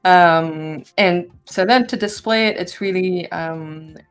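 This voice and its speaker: Woman presenter, casual and halting, voice metallic and robotic from an AI noise filter on a stream mic. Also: fairly low pitch, clean tone, soft background music. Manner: casual, hesitant, full of ums and restarts. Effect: robotic, metallic sound from AI noise removal. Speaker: presenter from the product team. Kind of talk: live-streamed software tutorial.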